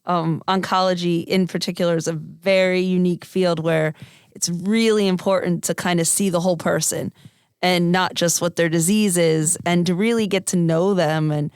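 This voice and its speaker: A woman doctor with a smooth, clear voice, somewhat low, explains her approach in a thoughtful, measured way. The recording is dry and close. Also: fairly even intonation, darkish tone, no echo. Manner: thoughtful, measured, uses fillers. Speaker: oncologist guest. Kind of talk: interview answer.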